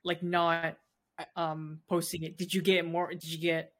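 A man's voice: on the high side, completely flat delivery, a little slow, a bit bright. A young adult man co-hosting a casual podcast, talking in a laid-back, easygoing way with casual slang. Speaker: podcast co-host. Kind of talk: casual chat.

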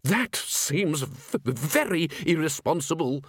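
A man voicing Death as a solemn, grave figure who speaks flatly and without hurry. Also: a little high, breathy edge, no room sound, clean studio sound, pitched above the performer's own voice, full character voice. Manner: flat, grave, unhurried. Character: Death, solemn cosmic male reaper.

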